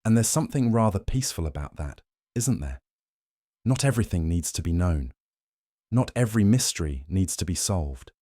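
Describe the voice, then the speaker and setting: A man giving a slow, scripted bedtime narration in a gentle, soothing, unhurried manner. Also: low-pitched, animated, dry recording, studio quality. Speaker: narrator of a sleep science channel.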